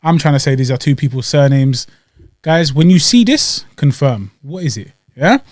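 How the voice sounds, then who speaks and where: A man's voice: medium pitch, lively intonation, moderate pace, darkish tone, dry recording, studio quality. A man with a London accent and slightly weak R sounds, bantering casually as a podcast co-host with slangy, playful bickering while reviewing food. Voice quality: weakly pronounced R sounds. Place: podcast studio.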